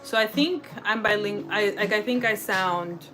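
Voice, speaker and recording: With background music running, an American livestream host cooks in her home kitchen and chats casually with viewers, reading their comments out and replying. Her mid-range voice is expressive, unhurried, pushed and bright.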